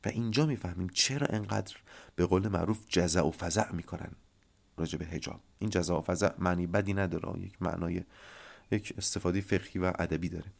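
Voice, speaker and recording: A man hosting a podcast, explaining ideas to listeners in an animated monologue and addressing them directly. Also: deep voice, vocal fry. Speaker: podcast host.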